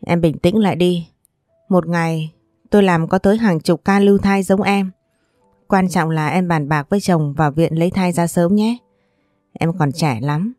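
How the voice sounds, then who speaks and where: A woman's voice: fairly low pitch, normal speed, darkish tone, no echo, clean studio sound, faint music behind, lightly acted. A woman doing a blunt weary doctor. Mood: calm. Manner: blunt, matter-of-fact. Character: curt, weary ultrasound doctor, middle-aged woman.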